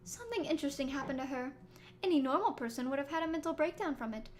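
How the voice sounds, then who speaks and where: A woman's voice: high-pitched, expressive, fast, a little hiss or hum. A woman voicing an elegant, formal female guest in a game story, reading her lines aloud. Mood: poised.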